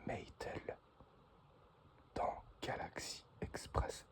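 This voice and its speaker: Male ASMR unboxing host: breathy whisper right in the ear, extremely slow delivery. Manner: slow, halting short phrases.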